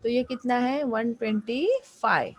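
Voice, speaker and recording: A woman's voice: a little high, moderate pace, background noise. A woman math teacher explaining a lesson, patiently repeating questions and prompting students to answer.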